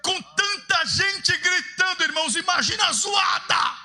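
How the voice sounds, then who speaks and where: A man preaching an impassioned sermon in a church, building to shouts and sing-song repetition. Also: very high-pitched, unhurried, creaky, soft background music. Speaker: evangelist preacher. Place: large church sanctuary.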